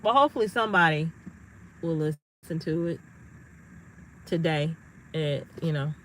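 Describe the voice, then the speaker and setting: A woman's voice: low voice, measured pace, a little hiss or hum, low-quality recording. A middle-aged woman talking to her viewers in a casual, emphatic monologue, telling stories with energy. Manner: emphatic, animated storytelling. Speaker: astrology vlogger.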